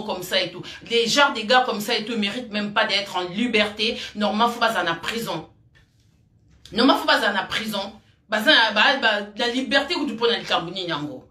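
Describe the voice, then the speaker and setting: A woman's voice: on the high side, sharp tone, roomy sound. Indignant woman. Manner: emphatic, repetitive, rambling, addresses viewer as "ma chérie". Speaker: vlogger. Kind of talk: indignant commentary to camera.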